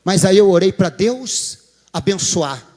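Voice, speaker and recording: A man's voice: high voice, animated, a little slow, a little mellow, in a large hall. A man, a pastor, preaching a sermon, telling a counseling story and acting out its dialogue before rising to emphatic appeals.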